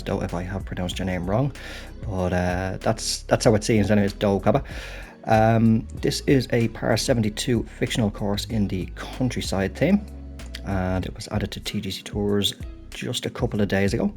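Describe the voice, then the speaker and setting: Sounding a little throaty and congested from a cold, a British man hosts a golf game playthrough for his gaming channel in a lowish, darkish voice. His relaxed commentary is chatty and apologetic, full of thinking aloud as he plays.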